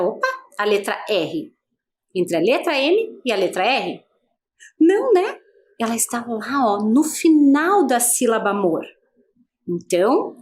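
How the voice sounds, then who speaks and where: A female teacher with a Brazilian Portuguese accent, giving an adult-education video lesson, patient and asking many guiding questions. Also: a little high.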